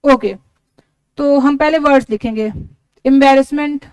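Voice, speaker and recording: A woman's voice: sits high, unhurried, a little mellow, dry recording. A woman teaching an exam-prep lesson, explaining step by step and spelling words out letter by letter. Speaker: English teacher.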